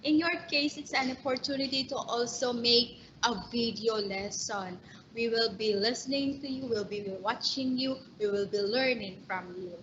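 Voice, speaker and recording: Filipino lady training teachers, high bright voice, slow and emphatic, dull lo-fi sound with a bit of hiss. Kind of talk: training lecture. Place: online training session.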